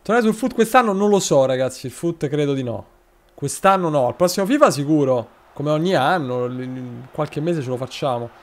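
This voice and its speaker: Here a man speaks in an animated, slightly high voice at an ordinary pace. It's live football manager gameplay commentary, full of chat shout-outs, subscriber thanks and remarks aimed at his players.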